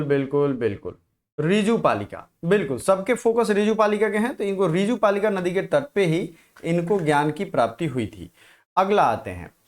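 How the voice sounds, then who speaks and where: A teacher with a somewhat high voice runs a live online exam-prep lesson. He keeps quizzing viewers directly, urges them to answer quickly, and reads their comments aloud.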